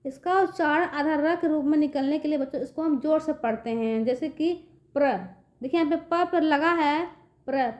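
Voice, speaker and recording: A woman's voice: sits high, fairly quick, hardly any pauses, a little mellow. A woman teaching young children a reading lesson, speaking patiently and often checking whether they understand. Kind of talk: children's online Hindi lesson.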